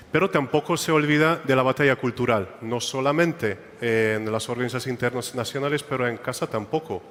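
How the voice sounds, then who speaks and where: A man's voice: medium pitch, fairly bright tone. A man moderating a conference panel, putting a question to a speaker. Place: large conference hall. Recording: echoey hall with long reverb.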